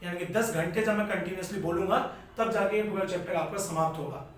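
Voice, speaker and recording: A man's voice: high voice, fast talker. A man teaching a Hindi grammar lesson, explaining step by step and repeating key points, in an echoey room far from the mic. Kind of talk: classroom lecture.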